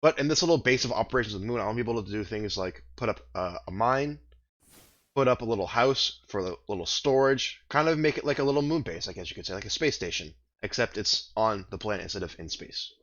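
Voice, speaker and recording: A man with a lowish, groggy morning voice talks through his gameplay, wandering from thought to thought as he plays. The recording is dull and lo-fi. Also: expressive, fast talker, a bit bright. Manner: rambling, thinking aloud while playing. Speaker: gaming video host. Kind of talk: casual let's-play commentary.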